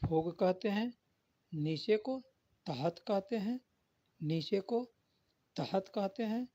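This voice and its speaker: A male Arabic vocabulary teacher gives a spoken lesson, patiently repeating each word and its meaning. His voice is high and mellow. The dry recording has no echo and sounds dull and lo-fi.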